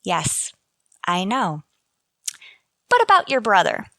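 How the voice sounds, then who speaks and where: A woman plays a wry, unlucky, sardonic high school teacher in a scripted radio sitcom, narrating in first person with dry, resigned wisecracks. Her bright, crisp-edged voice swoops wildly in pitch at a slow pace, heavily acted, in a dry recording with no room echo.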